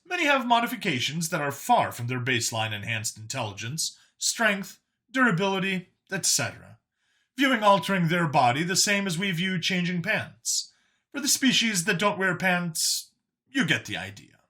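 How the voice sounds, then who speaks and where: In the role of an alien official briefing his audience, a man narrates dramatic scripted science fiction at normal speed. His slightly high, bright and forward voice moves in wide, sing-song pitch swings while keeping a wry, expository tone.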